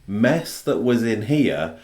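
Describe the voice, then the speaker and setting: A man from the UK co-hosting a casual podcast with his wife, dry and deadpan, mostly giving short replies. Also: fairly low pitch, slow pace. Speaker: podcast co-host. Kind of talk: casual chat.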